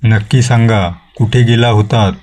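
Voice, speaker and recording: A worried village mother fusses over her son and fires off one anxious question after another, as a man telling the story voices her. The questions come slow and flat, in the even tone of the storyteller. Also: fairly low pitch.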